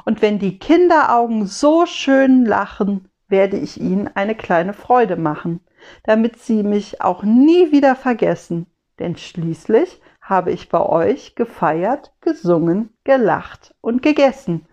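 A woman voicing a gentle, wistful Christ child who speaks in soft, earnest rhymes, on a slightly dull lo-fi recording. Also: mid-range voice, lively intonation, slow. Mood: hopeful.

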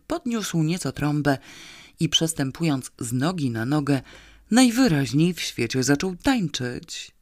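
Audiobook reader, unhurried and expressive, dry close sound. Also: medium pitch, no echo. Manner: slow, measured, expressive reading. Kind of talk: audiobook narration.

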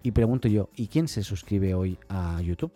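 A man's voice: sits low, expressive, normal speed, mellow. A man hosting a tech news podcast, talking casually with many fillers and restarts. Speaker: podcast host.

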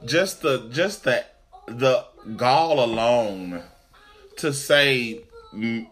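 A man hosting a casual talk show, speaking in an animated, sassy, emphatic way with plenty of swearing. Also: mid-range voice, extremely slow, soft background music. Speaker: podcast host. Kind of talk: casual, profane banter and commentary.

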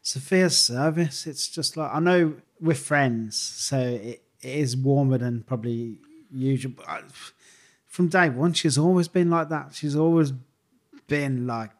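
A man with a Birmingham accent, co-hosting a podcast in casual chat, enthusiastic and quick to laugh. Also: mid-range voice. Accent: Birmingham English. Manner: enthusiastic, laughs often, says "banging" and "mate". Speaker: podcast co-host.

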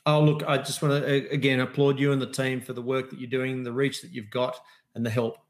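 A man who is a guest on a livestream, giving quick, warm thanks in casual chat. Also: medium pitch, flat delivery.

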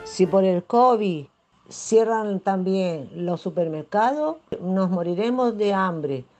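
A woman's voice: medium pitch, expressive, slow, dark tone, faint music behind. A woman telling a short joke in an amused way. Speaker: joke teller.

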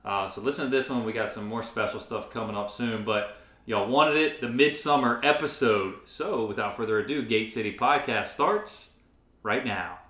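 A man's voice: fairly low pitch, normal speed, a bit bright. A man from North Carolina, hosting a casual podcast in an upbeat, laid-back way. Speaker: podcast host. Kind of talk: casual chat. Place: small local studio.

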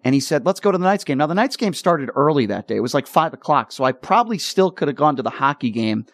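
A man hosting a sports talk radio show, talking in an earnest, halting way with repeated words, choked up with emotion. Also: mid-range voice, very animated, fairly bright tone, no room sound, clean studio sound.

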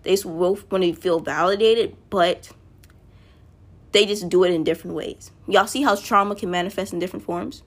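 A woman's voice: on the low side, normal speed. A woman talking casually to her listeners in a loose, rambling monologue, often correcting herself mid-sentence and calling out to the audience.

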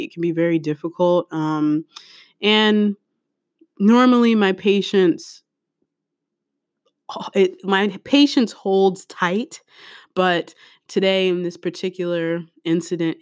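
A podcast host who teaches at a public school in Korea tells a story from class in a casual, animated way. The speaker often acts out what was said in class. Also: mid-range voice, no echo, studio quality. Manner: animated, chatty, quotes herself in class. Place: room with a window open.

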